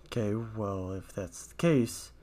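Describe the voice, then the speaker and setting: A man playing along with a fan quiz video, thinking out loud and poking fun at himself. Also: on the low side, lively intonation, unhurried. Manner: self-mocking, thinks out loud. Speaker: YouTuber reacting to a quiz. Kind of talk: casual quiz reaction commentary.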